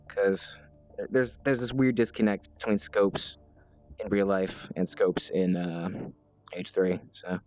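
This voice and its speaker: A man hosting a gaming video in casual let's-play commentary, rambling and self-mocking, reacting aloud to the game and to chat, and breaking into high, panicked yelps when under fire. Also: a little mellow.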